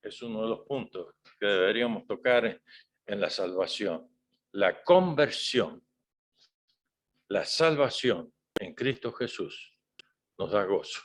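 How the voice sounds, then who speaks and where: A man's voice: lowish voice, animated, takes it slowly, pauses often. A male preacher giving a sermon in a conversational style, often tagging his points with rhetorical questions to the congregation.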